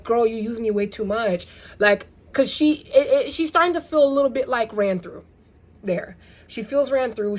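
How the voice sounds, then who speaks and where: Chatty young woman vlogging while doing makeup. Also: a little high. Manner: chatty, rambling, animated rhetorical questions. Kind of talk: casual get-ready-with-me vlog.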